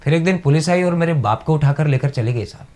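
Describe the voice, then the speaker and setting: A man playing an orphaned villager, wistful, pleading, respectful to his master, slightly high voice. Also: expressive, quick pace, a little mellow, close to an everyday voice. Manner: wistful and pleading, keeps addressing "sahib". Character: orphaned village man telling his sahib of his lost childhood. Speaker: actor in a monologue contest. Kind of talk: stage monologue.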